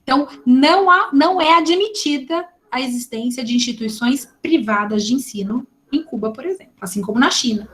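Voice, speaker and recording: A woman's voice: sits high, fairly quick, hardly any pauses. A middle-aged woman with a Brazilian Portuguese accent, giving a chatty online lecture on education law and firing rhetorical questions at her students. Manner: lively and chatty, asks the audience rhetorical questions. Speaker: teacher.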